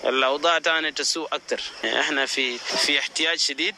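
A man's voice: fairly high pitch, steady tone, quick pace, background noise. A man giving an informal spoken interview answer for a news report.

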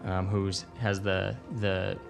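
A man's voice: deep voice, monotone, takes it slowly, creaky, soft background music. A man narrating a tabletop game as game master, improvising as he goes.

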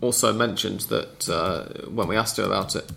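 Male podcast host, gravelly and bright, dry and chatty. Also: fairly low pitch, moderate pace, slight background noise. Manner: reads listener questions, chatty and dry. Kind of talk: casual podcast chat.

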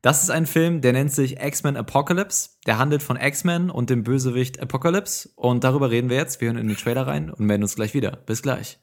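A man's voice: medium pitch, a little fast, few pauses. A man hosting a film podcast, chatting casually in informal, colloquial language.

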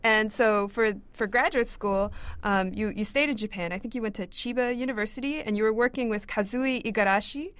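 A woman's voice: fairly high pitch, fairly quick, few pauses, a bit bright, clear, resonant tone, dry recording. A woman in her twenties hosting a science interview, asking questions with frequent "um" and "uh" fillers. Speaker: interview host, graduate student. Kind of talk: scripted intro then interview questions. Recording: dry close mic with faint music.

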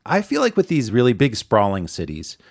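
A man's voice: medium pitch, wildly swooping pitch, brisk, creaky, a little mellow. A man from Northeast Ohio hosting a talk podcast, discussing things in a casual, informal, conversational way. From Northeast Ohio, United States. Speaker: podcast host.

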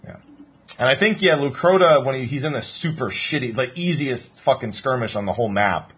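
A man's voice: medium pitch, brisk, a bit bright, slightly rough. A man casually co-hosting a podcast, rambling through game lore with restarts and laughing banter. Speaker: podcast co-host.

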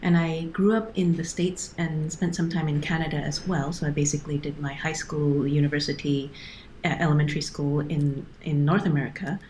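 A woman's voice: sits low, little pitch movement, fairly quick, a little mellow, a little hiss or hum. A middle-aged woman from Hong Kong, a guest on a podcast interview, explaining things earnestly with frequent restarts over a remote call. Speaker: guest, operations director.

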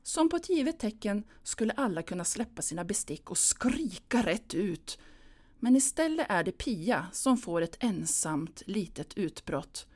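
A woman narrating a story aloud in a measured, expressive way. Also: mid-range voice. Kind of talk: audiobook reading.

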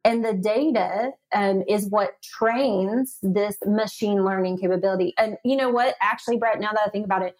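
A woman guest on a podcast interview who explains AI in a lively, chatty way, with lots of fillers and frequent laughter. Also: medium pitch, normal speed, few pauses, poor audio. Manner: animated, laughs often, many fillers. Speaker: guest expert on AI.

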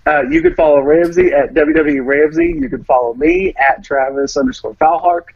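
A man's voice: high voice, big pitch swings, normal speed, vocal fry, a little mellow, husky, dry recording. A man co-hosting a wrestling podcast in a laid-back, playful chat, and signing off the show. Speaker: podcast co-host. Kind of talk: casual chat. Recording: dry, dull lo-fi sound.

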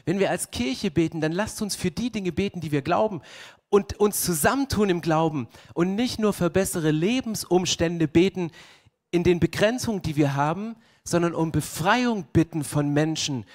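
A young male pastor delivers a sermon in a lively storytelling way, acting out the scene and asking his listeners pointed questions. His voice sits high for a man.

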